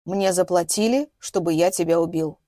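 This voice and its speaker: A woman voicing a calm, quiet retired male hitman who speaks in a low, measured way. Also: no echo, studio quality, close to an everyday voice.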